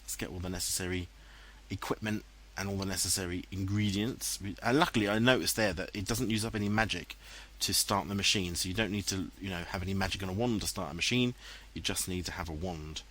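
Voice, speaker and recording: A man's voice: low voice, quick pace, a bit bright. A man with an English accent, giving casual, self-mocking commentary over his own gameplay footage. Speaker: let's play commentator. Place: home room, voice-over recorded later. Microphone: headset, dubbed in post-production.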